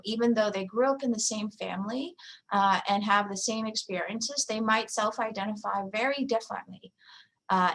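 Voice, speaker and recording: This conference talk comes from a woman in her forties whose medium-pitched voice has a fairly bright tone, captured in a rough recording. She speaks conversationally, with many fillers, asides, and repeated "you know."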